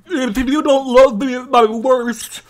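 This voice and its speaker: A speaker voicing a lovestruck tuna pasta monster in a fan fiction read-aloud, speaking in a loud, high, drawn-out way. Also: steady tone. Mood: gushing.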